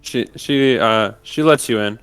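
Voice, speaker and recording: A man narrating a tabletop game as game master, pausing haltingly while he improvises. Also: mid-range voice, a bit bright, smooth, dry recording.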